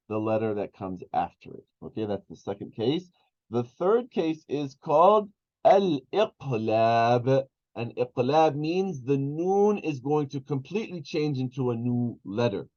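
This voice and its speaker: A man teaching an Arabic class, explaining slowly with many fillers and restarts. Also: medium pitch. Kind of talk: online class lesson. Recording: dull lo-fi sound.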